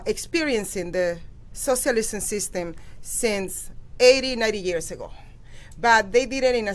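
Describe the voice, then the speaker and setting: A woman from Venezuela, speaking English with a Venezuelan Spanish accent, talks as a political candidate on an interview show. She speaks in an animated, emphatic way, restarting phrases often. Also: mid-range voice. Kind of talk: casual interview talk.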